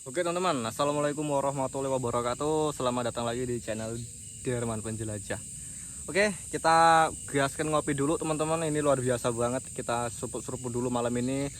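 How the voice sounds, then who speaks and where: A man's voice: mid-range voice, fast talker. A man chatting casually to viewers as host of an outdoor night camping vlog. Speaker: host of a camping horror channel. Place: outdoors at a night campsite under bamboo. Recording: clear night insect noise around voice. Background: crickets and insects.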